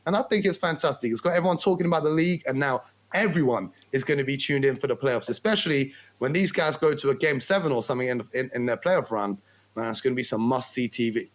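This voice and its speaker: A man's voice: mid-range voice, quick pace. A man on a sports talk show arguing his point with rhetorical questions and emphatic punches. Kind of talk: animated basketball debate.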